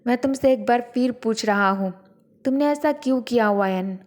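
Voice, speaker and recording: A stern young husband questions someone in a heavy, controlled tone, as a woman narrator acts him out. His words come short and sharp, with anger held just under the surface. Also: fairly high pitch, normal speed, natural voice. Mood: angry.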